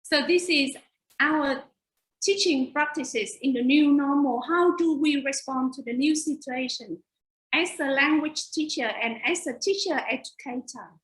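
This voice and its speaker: Presenting slides in an earnest webinar over a video call, a teacher educator from Vietnam speaks with a Vietnamese accent, Vietnamese being her native language. Her high, slightly bright voice keeps a measured pace, caught in a low-quality recording from an echoey room.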